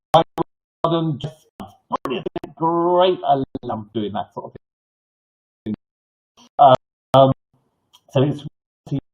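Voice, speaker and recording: An older man with toothless, slightly slurred articulation gives informal live advice as a clinic host, in a halting, rambling way with false starts and repetitions. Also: mid-range voice. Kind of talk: informal live advice, answering viewer questions. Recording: dull, lo-fi sound.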